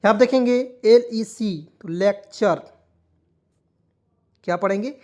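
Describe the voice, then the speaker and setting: Measured and mellow, this high-pitched male voice delivers a classroom-style lesson. He spells words out one letter at a time, asks what listeners would say before answering himself, and calls them friends again and again with patient reassurance.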